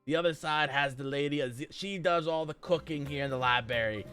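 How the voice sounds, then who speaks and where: A man voicing a chatty, doting auntie librarian with a raspy New York smoker accent. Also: fairly high pitch, brisk, pushed and bright, faint music behind.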